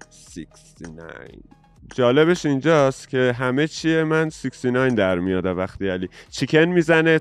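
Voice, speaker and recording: A man's voice: mid-range voice, clear, resonant tone. Joking male mobile gaming streamer. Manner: lively, joking, addresses viewers directly. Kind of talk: casual gaming commentary with a friend.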